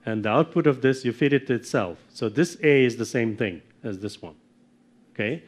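A middle-aged man giving a technical lecture from slides, often checking in with "okay?" and clearing his throat. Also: mid-range voice, moderate pace. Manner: explanatory, checks in with frequent "okay?". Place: darkened lecture room with projector screen.

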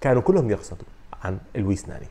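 Fast-talking Levantine man, football countdown. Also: fairly low pitch, vocal fry. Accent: Levantine Arabic. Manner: fast, animated storytelling with frequent fillers. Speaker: sports video host. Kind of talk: energetic football countdown commentary.

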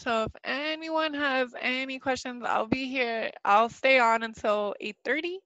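A young woman hosting a webinar Q&A, a little nervous and halting, with a slightly sick voice. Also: sits high, pushed and bright, no echo. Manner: nervous, halting, many fillers and restarts. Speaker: webinar presenter. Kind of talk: live webinar presentation with Q&A. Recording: dull, lo-fi dry webinar audio.

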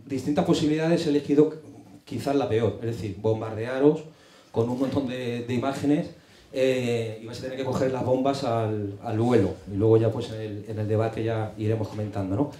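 A middle-aged man from Madrid presents his project in a meeting room, speaking into a handheld microphone. His voice is mellow and low-key, and his talk is chatty and self-deprecating. The room adds a noticeable echo. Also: fairly even intonation, normal speed. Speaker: project presenter at rural culture forum. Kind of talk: conference presentation. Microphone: handheld mic.

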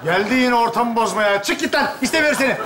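An actor playing an excitable, hot-tempered friend who yells in a sketch comedy. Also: male voice, very high-pitched, fast, echoey room, crowd noise. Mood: furious. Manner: excitable, yelling.

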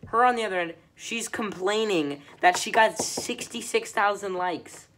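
A woman's voice: mid-range voice, unhurried, a bit bright, a little hiss or hum. A woman giving casual reaction commentary, ranting sarcastically and saying "like" constantly. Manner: sarcastic ranting, heavy use of "like". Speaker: reaction video creator.

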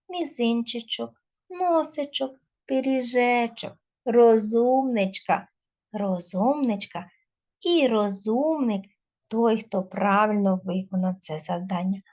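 Female teacher recording a lesson for children; unhurried, clear dictation, slightly high pitch. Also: a little mellow. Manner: slow, clear dictation of word lists.

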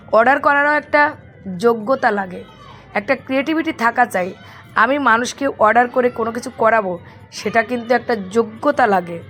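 A middle-aged woman with a Bangladeshi Bengali accent, a little hoarse from a cold, chatting casually to viewers as a home vlogger in her kitchen. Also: on the high side, a bit bright. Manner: chatty, explains as she works. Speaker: vlog host. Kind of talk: casual home vlog chat.

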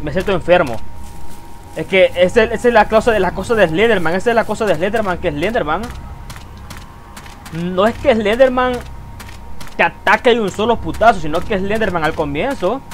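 High-voiced excitable man playing a horror game. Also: a little hiss or hum. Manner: excitable, swears freely, talks to viewers. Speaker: gaming YouTuber. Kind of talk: let's play commentary.

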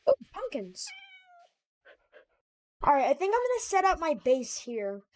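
A woman giving casual, excitable commentary while playing a game, chatting to her animals as she goes. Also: high-pitched, a little slow, dry recording. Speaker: gamer.

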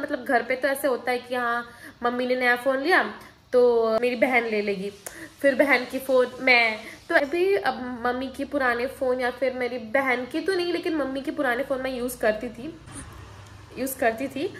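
High-pitched young woman rambling through her vlog, casual and chatty. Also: fairly even intonation, normal speed, fairly bright tone, rough recording. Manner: chatty, mixes Hindi and English, jumps between topics. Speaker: vlogger.

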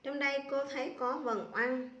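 A woman teacher spelling out sounds and syllables aloud slowly for young children in a reading lesson. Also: high-pitched, fairly even intonation, a bit bright, muffled recording. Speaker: primary school teacher. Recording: echoey room.

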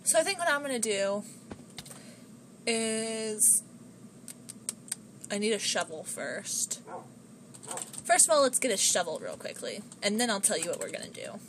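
Slow, chatty woman playing a game. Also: medium pitch, very animated, a bit bright, slight background noise. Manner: chatty, talks to her pets in the game. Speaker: gameplay streamer. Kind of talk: casual gameplay commentary. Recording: music playing behind.

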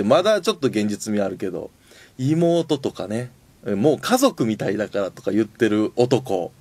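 A man with a Kansai accent hosting a comedy radio show, reading listener submissions aloud and firing back quick-witted comic retorts, often laughing. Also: medium pitch, darkish tone. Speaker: radio host.

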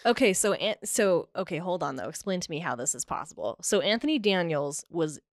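Wry, lower-voiced woman podcast co-host. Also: animated, a little fast, dry recording, clean studio sound. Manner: wry, sarcastic quips. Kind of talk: casual podcast chat.

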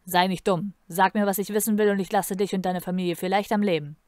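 A woman's voice: medium pitch, fairly even intonation, quick pace, no echo, clean studio sound, close to an everyday voice. A woman reading aloud and voicing a cruel, imperious male emperor in a menacing, commanding tone. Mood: threatening. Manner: menacing, commanding, bursts into furious shouting.

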